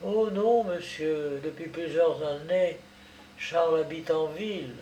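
Man reading as a grieving young daughter, quiet, dark mellow tone, roomy distant sound. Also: a little high, slow pace, muffled recording, a little hiss or hum. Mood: subdued.

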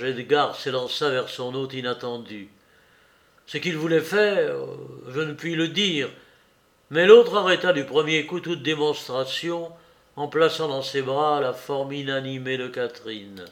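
A man narrating a classic novel in a measured, expressive way. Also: mid-range voice. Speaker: audiobook reader. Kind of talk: literary narration.

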